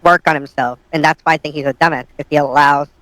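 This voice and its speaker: An anonymous man speaks through a voice changer that alters his voice, which sits a little high. He talks bluntly and rambles, restarting his sentences often. The sound is dry and close. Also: steady tone, fast, pushed and bright, dry recording, low-quality recording. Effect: voice changer disguising his voice. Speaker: anonymous interviewee. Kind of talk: casual audio interview.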